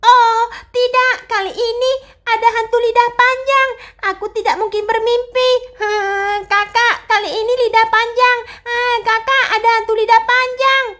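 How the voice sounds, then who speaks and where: A woman's voice: very high voice, measured pace, fairly bright tone. A woman voicing a timid little girl who frightens easily, whimpering and breathing in panicked gasps in a voice-acted game role-play. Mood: frightened.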